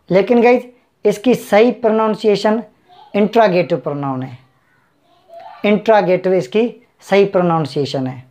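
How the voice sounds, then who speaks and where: A man's voice: high-pitched, darkish tone. Brief: male online tutor, talks straight to viewers, repeats and rephrases each point. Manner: repetitive, keeps addressing viewers directly. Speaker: English teacher. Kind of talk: bilingual grammar tutorial.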